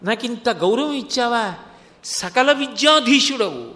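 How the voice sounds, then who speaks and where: A man voicing an elderly male saint overwhelmed with devotion, who exclaims and pleads in a raised, bright voice. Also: extremely high pitch, expressive, measured pace, exaggerated voice. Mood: overjoyed, awed. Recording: long hall reverb.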